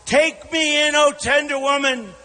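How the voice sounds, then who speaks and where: A man's voice: extremely high pitch, steady tone, measured pace, bright, forceful tone, pitched above the performer's own voice, full character voice. An American man voicing a sly, venomous snake that pleads theatrically, in a verse fable recited as a rally speech. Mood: pleading. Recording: large echoing hall over PA.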